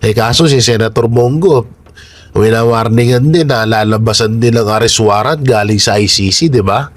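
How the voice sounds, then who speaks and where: A man with a stuffy, blocked-nose voice gives informal, halting political commentary to his followers, often asking rhetorical questions. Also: medium pitch, dry recording. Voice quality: congested, stuffy-nosed voice. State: nasal congestion.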